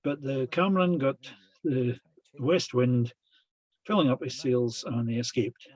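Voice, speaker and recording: A man giving a lecture that retells traditional tales, speaking in a halting, deliberate way. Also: mid-range voice, a little mellow, poor audio.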